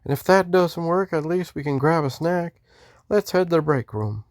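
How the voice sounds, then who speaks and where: A man voicing a cheery, sweet young woman from Texas in a high falsetto with a put-on Western drawl, reading game lines. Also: lively intonation, normal speed, no echo, clean studio sound, natural voice. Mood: chirpy. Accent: Texan Western drawl, put on. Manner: high falsetto, folksy and chirpy.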